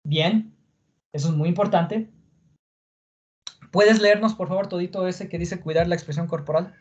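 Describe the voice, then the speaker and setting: A man's voice: high voice, fairly even intonation, moderate pace, highs cut off, slight background noise. A male teacher explaining a lesson patiently and often checking in with the class.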